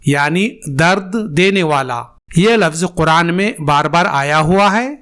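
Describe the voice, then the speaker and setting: Bright-voiced, deliberate Quran pronunciation teacher. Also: medium pitch. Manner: slow, deliberate, spells letters out and models sounds for the learner to repeat. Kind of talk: tajweed lesson with repetition drills.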